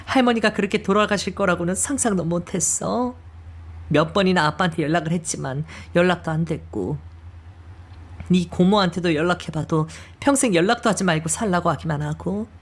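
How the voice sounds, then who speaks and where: A woman's voice: lowish voice, fairly quick. A woman voicing a remorseful middle-aged mother who pleads and sighs through her tears in an audio drama reading. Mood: sorrowful explaining. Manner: emotional, pleading, sighing.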